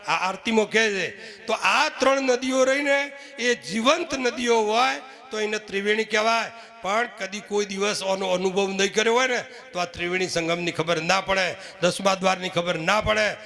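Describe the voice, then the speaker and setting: A man's voice: high-pitched, gravelly, pushed and bright. A man preaching at a village devotional gathering, who keeps asking the crowd rhetorical questions and sometimes chants verses. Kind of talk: devotional sermon with sung verses.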